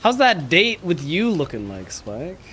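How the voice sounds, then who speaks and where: A man chatting casually as a speedrunner guest on a stream, relaxed and quick to laugh. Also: a little high, husky. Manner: relaxed, laughs easily, short replies. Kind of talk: casual livestream chat.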